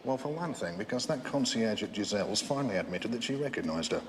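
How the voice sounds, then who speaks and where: An actor playing a blunt, plain-spoken middle-aged police chief inspector. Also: male voice, lowish voice, animated, fast talker, noisy background, natural voice. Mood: matter-of-fact. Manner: plain-spoken, matter-of-fact. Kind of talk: television period drama. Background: background music.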